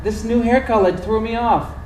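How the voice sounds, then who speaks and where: On an indoor theater stage, a man with a very high-pitched, somewhat dark voice plays an earnest, chatty doctor near sixty, a courteous former geek, in a live play. He keeps a steady tone at normal speed in a nostalgic, teasing mood. The recording is distant and echoey, with noise.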